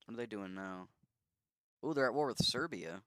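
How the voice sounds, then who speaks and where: A man's voice: on the low side, lively intonation, moderate pace, a bit bright, no room sound. Man, casual game commentary, thinking aloud, resonant voice, dry close sound. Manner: musing, thinking aloud with easy asides. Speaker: YouTuber commenting on a strategy game simulation.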